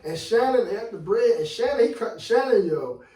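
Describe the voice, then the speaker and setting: A man's voice: sits high, animated, normal speed, dark tone. A man co-hosting a casual sports podcast, talking loosely with lots of swearing and frequent laughter. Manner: loose, profane, laughing often. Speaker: podcast co-host. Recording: echoey room, mic at a distance.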